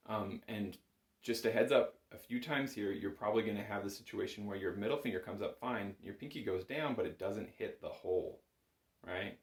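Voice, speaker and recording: With a lowish voice at normal speed, this man runs an easygoing chanter lesson, breaking it into steps and encouraging patiently. The sound is roomy and echoing, from a small home music room.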